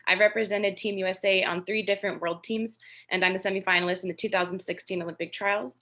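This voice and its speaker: A woman in her thirties gives an orderly introduction over a video call. Her voice sits in the middle range and stays clear. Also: mid-range voice, fairly even intonation, fast talker, sharp tone. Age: 30s. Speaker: panel guest, athlete.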